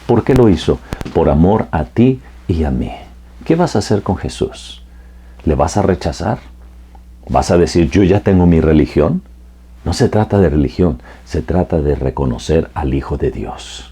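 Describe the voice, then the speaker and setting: A man's voice: rumbling low, animated, normal speed, warm tone, slightly rough. A male pastor preaching a sermon, earnest and direct, speaking to the listener as a friend with repeated phrases. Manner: repetitive preaching cadence.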